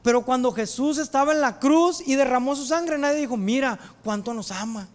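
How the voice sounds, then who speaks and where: A woman preaching a sermon, retelling scripture as animated storytelling and acting out its voices. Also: sits high, moderate pace.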